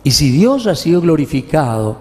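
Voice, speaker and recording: A man's voice: on the high side, sing-song, normal speed. A middle-aged man with a Paraguayan Spanish accent, a parish priest giving a folksy, conversational homily at Mass and often asking "¿verdad?". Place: church. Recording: long church reverb.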